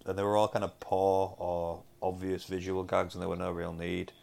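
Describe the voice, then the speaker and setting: A young man with a Northern English accent, his voice low and full of gravelly fry. He talks casually about television, wandering through his points with frequent ums and self-corrections. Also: level tone, normal speed, darkish tone. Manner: rambling, many fillers and restarts. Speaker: podcast co-host. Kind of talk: casual chat reviewing TV episodes.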